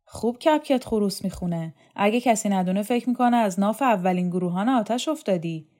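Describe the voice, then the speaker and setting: A woman's voice: medium pitch, animated, darkish tone, close to an everyday voice. A woman voicing a stern, domineering male official in an audiobook reading. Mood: commanding. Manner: brusque, commanding.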